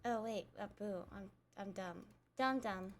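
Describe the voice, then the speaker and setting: A woman's voice: medium pitch, unhurried, a little hiss or hum. A young adult woman chatting casually while she streams a video game, rambling and self-deprecating as she talks. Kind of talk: casual gameplay chat.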